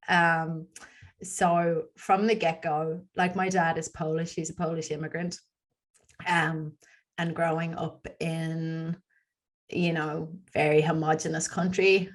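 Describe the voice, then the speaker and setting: A woman in her forties with a Dublin Irish accent, chatting openly as a podcast guest with plenty of ums and likes. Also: deep voice. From Ireland. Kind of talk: casual interview chat.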